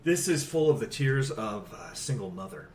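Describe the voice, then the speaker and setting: A man hosts a comedy podcast in a mock-earnest, joking tone. His pitch rises and falls a lot. Faint noise sits under the voice. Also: big pitch swings, normal speed. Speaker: podcast host. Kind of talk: comedic movie review podcast chat.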